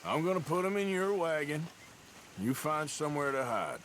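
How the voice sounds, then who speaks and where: A man playing a gruff, sardonic American cowboy outlaw in a video game, with a dry drawl. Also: on the high side, sing-song, normal speed, a bit bright, a little hiss or hum. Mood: wry.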